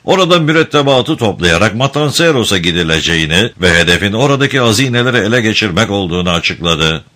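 A man voicing a calm French sailor who testifies in court, speaking in a composed, unruffled way. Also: lowish voice, quick pace.

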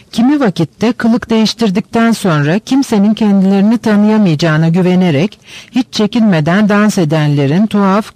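A man narrating a novel for an audiobook in a steady, unhurried way. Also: high voice, dry recording. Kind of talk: audiobook reading.

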